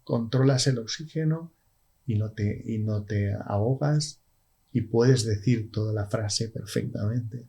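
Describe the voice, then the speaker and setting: A middle-aged man, a podcast guest speaking slowly and haltingly with many restarts. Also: mid-range voice, vocal fry, mellow, breathy edge. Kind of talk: casual conversation.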